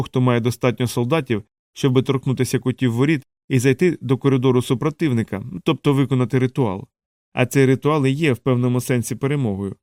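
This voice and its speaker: Steady male audiobook narrator. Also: medium pitch, dry recording, studio quality. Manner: steady, measured reading.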